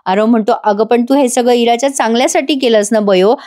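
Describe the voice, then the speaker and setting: She has a slightly high voice and talks fairly fast while recapping a serial episode in a chatty style. With a Marathi accent, she takes on every character's part herself and colors their dialogue with mild emotion. It's a lively telling, sprinkled with conversational asides to the people watching.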